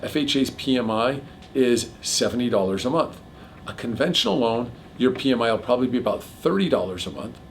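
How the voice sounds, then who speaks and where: A middle-aged man hosting a casual chat about mortgages, explaining figures quickly with a jokey manner. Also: medium pitch, lively intonation, a little hiss or hum. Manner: rapid, jokey, piles on figures. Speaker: mortgage broker host.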